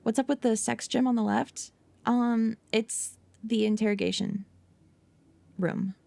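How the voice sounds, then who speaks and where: Hushed, mellow woman streaming ASMR chat. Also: fairly high pitch, fairly even intonation, a little slow, gravelly, no room sound. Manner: hushed, often slipping into whisper; playful, teasing. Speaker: livestreamer host. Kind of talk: casual livestream chat, ASMR.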